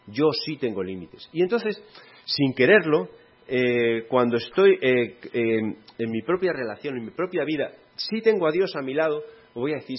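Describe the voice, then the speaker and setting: A man's voice: fairly high pitch, slightly rough, highs cut off. A man giving an informal, conversational sermon, acting out quoted dialogue along the way. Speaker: preacher.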